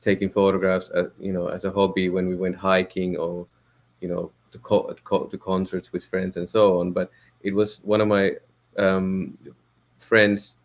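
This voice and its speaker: A deep, monotone man with a gravelly texture, a native Finnish speaker talking English in a podcast interview. He hesitates often, restarting phrases and filling pauses as he weighs each thought. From Finland. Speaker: guest, photo editor.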